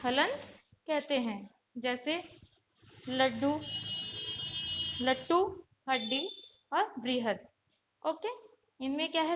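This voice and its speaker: A woman's voice: high voice, a bit bright, lo-fi sound. A woman teaching a Hindi grammar lesson, who asks the class questions, answers them herself and sounds out letters one by one. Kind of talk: classroom lesson explaining from a board.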